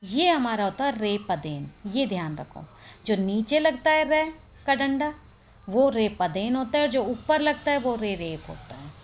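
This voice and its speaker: A woman teacher with a slightly high voice talks through a grammar lesson. She explains point by point, often checks in with a quick question, then answers it herself. It sounds like a phone voice recording. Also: animated. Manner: explains step by step, asks and answers own questions, frequent "है ना".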